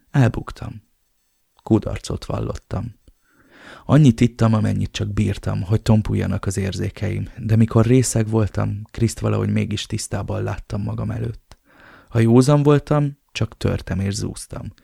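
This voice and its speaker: A man narrating a novel in the first person, with a dark, brooding delivery. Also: fairly low pitch, creaky, breathy edge, dry recording, clean studio sound. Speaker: audiobook narrator.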